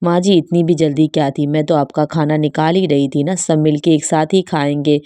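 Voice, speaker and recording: A woman voicing a sulky, lazy elder daughter-in-law, read in a flat, even storybook manner. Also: low-pitched, normal speed, no echo, natural voice.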